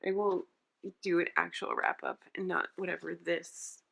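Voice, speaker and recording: A woman's voice: fairly low pitch, flat delivery, normal speed, gravelly, fairly bright tone. A woman book vlogger crying as she casually shares her reaction to what she is reading.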